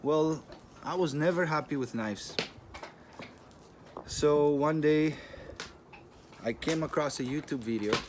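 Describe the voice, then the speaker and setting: A Greek man in his thirties hosts a channel, talking casually to camera in plain, unhurried English with a Greek accent and non-native phrasing. His voice sits on the high side. The recording is noisy, with clicking sounds.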